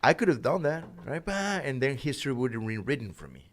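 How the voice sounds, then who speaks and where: A man talks in a relaxed interview as a boxer guest. He is animated, laughs often and drops Spanish phrases into his English. His pitch sits in an ordinary middle range. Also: fairly quick. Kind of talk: casual interview talk.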